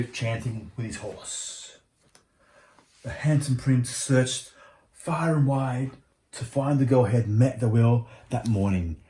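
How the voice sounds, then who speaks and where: Reading aloud the way a dad would at bedtime, this man has a mellow, mid-range voice and sometimes trips over words. The room at home gives the recording a roomy sound with a little faint noise.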